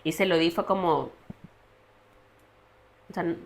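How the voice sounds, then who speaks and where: Creaky-voiced woman, halting. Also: lowish voice. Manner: earnest, halting, confessional. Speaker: guest sharing her story. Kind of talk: personal testimony in a podcast interview.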